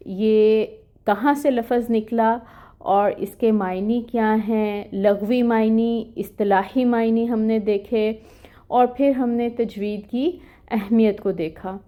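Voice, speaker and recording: A woman's voice: mid-range voice, mellow. A woman teaching an online lesson on Quran pronunciation, explaining patiently and often checking in with her students. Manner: patient and explanatory, repeats "theek hai" to check in, demonstrates letter sounds. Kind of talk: recorded lecture on Arabic pronunciation.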